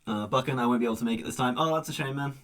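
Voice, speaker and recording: A man's voice: mid-range voice, racing, fairly bright tone. A man, co-hosting a casual livestream while painting miniatures, reading out chat messages and laughing often. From New Zealand. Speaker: livestream co-host.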